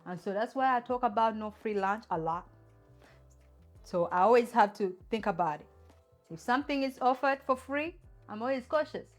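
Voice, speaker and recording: Speaking directly to camera on her channel, a host from Uganda makes emphatic points and poses many rhetorical questions in an opinion piece. Her voice is a little high and animated, at a normal speed, with soft music playing in the background.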